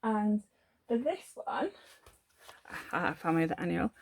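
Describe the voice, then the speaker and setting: A woman from the UK chats through a craft unboxing with a gravelly, creaky edge to her mid-pitched voice. She gushes over each item, filling gaps with ums and correcting herself as she goes. The sound is close and dry, with no room echo. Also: very animated, unhurried. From United Kingdom. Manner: chatty and gushing, with many ums and self-corrections. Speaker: papercraft vlogger. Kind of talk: casual unboxing chat.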